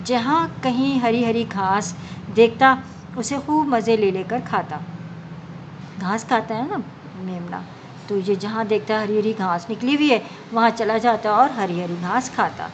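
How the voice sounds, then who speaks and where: A woman teacher reads a story to young pupils, explaining each line in simple words. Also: a little high. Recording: dull lo-fi recording with faint background hum.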